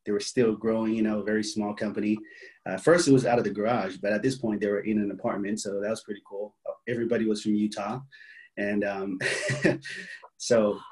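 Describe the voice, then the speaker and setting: Relaxed low-voiced man telling his story. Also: brisk, rough recording. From Hawaii. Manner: easygoing storytelling with frequent "um" and "you know". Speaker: guest. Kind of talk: casual interview.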